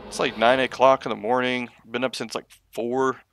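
A man's voice: mid-range voice, level tone, moderate pace, fairly bright tone, slight background noise. A man giving casual gameplay commentary in a musing, wryly jokey way. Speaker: gaming video commentator.

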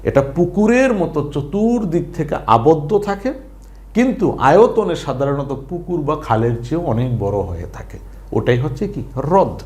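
A man teaching a language lesson online, repeating sounds slowly and asking his students questions as he goes. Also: a little high, lively intonation, darkish tone.

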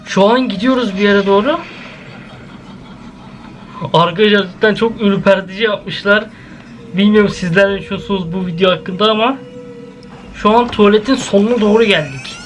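A man's voice: sits high, moderate pace, pauses often, faint music behind. A young man with a Turkish accent hosting a casual horror reaction vlog at home, talking straight to his viewers and crying out at every scare. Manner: excitable, jumpy, exclaiming at scares; addresses viewers directly. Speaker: YouTuber host. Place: at home, indoors. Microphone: camera set up in the room.

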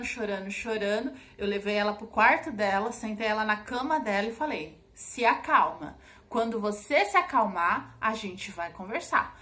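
A woman's voice: on the high side, a bit bright. A young woman with a Brazilian Portuguese accent, a mother talking earnestly to camera in a casual vlog and repeating words for emphasis. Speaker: mother vlogger.

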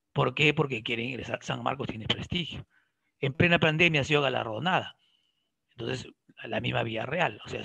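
A man's voice: mid-range voice, creaky, fairly bright tone, husky, no echo. A man teaching a biology class, questioning his students directly and mixing in jokes. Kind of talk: online class lecture.

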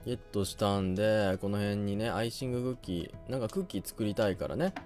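A man's voice: lowish voice, fast talker, a little mellow, faint music behind. A young man giving casual game commentary, thinking aloud and often hesitating. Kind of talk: casual let's play commentary.

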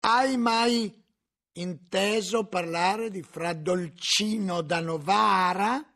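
A man's voice: high-pitched, very slow, heavily acted. A man reading an audiobook aloud, voicing a stern, menacing male inquisitor who interrogates a frightened monk with harsh accusations. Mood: accusing. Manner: accusing, harsh, shouting at times. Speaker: audiobook reader.

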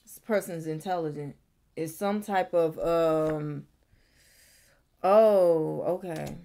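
A woman's voice: low-pitched, takes it slowly, vocal fry, warm tone. A young woman giving a casual tarot reading to camera in her bedroom, musing and repeating herself as she thinks aloud. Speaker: tarot reader. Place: bedroom, indoors.

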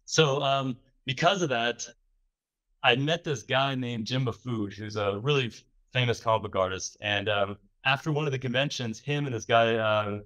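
At a symposium in a lecture room, a man in his forties from the southern US gives a casual, rambling, self-deprecating talk loaded with fillers. His voice is mid-range and a bit bright at a normal speed, and the audio quality is poor.

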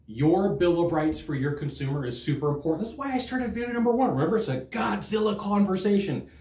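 A middle-aged man with a high-sitting voice talks fast while teaching sales to a fixed camera, standing at a desk before a green screen in an echoey studio. His delivery is animated and chatty, complete with acted customer quotes.

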